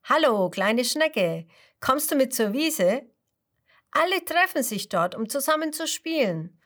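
A woman voicing a cheerful male butterfly in a children's story, warmly inviting. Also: high voice, sing-song, measured pace, voice pushed up, exaggerated voice.

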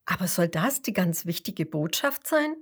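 A woman's voice: lowish voice, big pitch swings, moderate pace, husky. A woman voicing a young female hippo who believes she is a horse, speaking plaintively and often half-whispered, in a storybook read-aloud. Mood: puzzled.

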